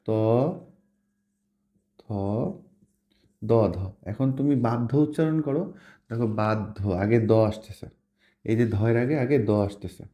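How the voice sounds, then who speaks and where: A man's voice: medium pitch, dark tone. A man teaching a pronunciation lesson, patiently repeating words and letters and mixing in English terms. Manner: mixes in English words while explaining. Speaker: language teacher.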